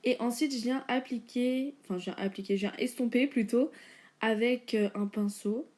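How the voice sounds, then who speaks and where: A woman's voice: a little high, normal speed, a little mellow. Chatty young woman doing a makeup tutorial. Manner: chatty, many fillers, informal slang. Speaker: beauty vlogger.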